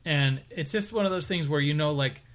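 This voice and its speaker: A man co-hosting a podcast, chatting casually and lively about a TV episode with playful asides. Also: fairly high pitch, fairly quick. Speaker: podcast co-host. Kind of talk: casual chat recapping a TV episode.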